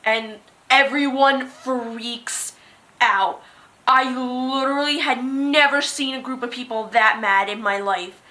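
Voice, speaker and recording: High bright animated young woman storyteller. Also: takes it slowly. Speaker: vlogger. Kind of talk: story time vlog.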